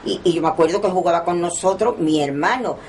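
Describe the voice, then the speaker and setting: A woman's voice: on the low side, fast talker, darkish tone, slight background noise. A woman, recalling her childhood and family in an oral history interview, with many restarts. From Torremolinos, Spain. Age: 90s. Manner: rambling reminiscing with frequent restarts.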